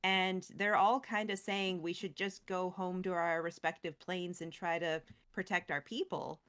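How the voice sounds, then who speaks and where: A woman co-host recapping a story in casual chat, animated and full of fillers. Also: fairly low pitch, a little slow.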